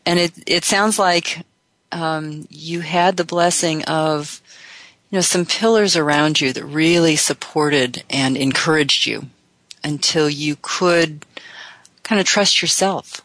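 A woman's voice: deep voice, takes it slowly, fairly bright tone, no room sound, rough recording. A woman hosting an internet radio talk show, speaking in a reflective, encouraging way.

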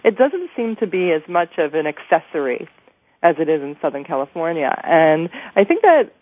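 A woman's voice: low-pitched, very animated, normal speed. An American woman hosting a chatty radio interview, sounding nasal and congested with a cold. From New York, USA. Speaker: radio show host. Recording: thin phone-line radio sound.

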